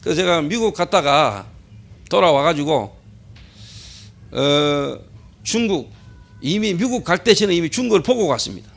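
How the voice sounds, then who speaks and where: A man's voice: a little high, animated, moderate pace, vocal fry, long pauses. A middle-aged male pastor preaching a sermon at a church service. He keeps posing rhetorical questions, answers them himself, and repeats key phrases for emphasis.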